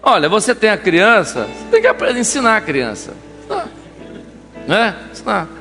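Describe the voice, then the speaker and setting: A male pastor preaches in a lively, high-pitched voice that rises and falls a great deal, moving easily into storytelling. The sound has a long church-hall reverb, with a faint instrument playing behind him. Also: fast talker, soft background music. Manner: animated, conversational, acts out scenes. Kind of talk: sermon with storytelling.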